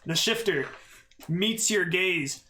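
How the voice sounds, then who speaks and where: A game master narrating a tabletop game, relaxed and laughing easily with the players. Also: medium pitch, slow, a little hiss or hum.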